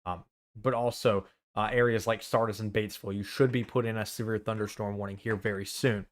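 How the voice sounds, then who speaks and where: A young student meteorologist provides live severe weather coverage, listing towns and arrival times, issuing urgent warnings, and correcting himself now and then. His voice is lowish and steady, and he speaks a little fast.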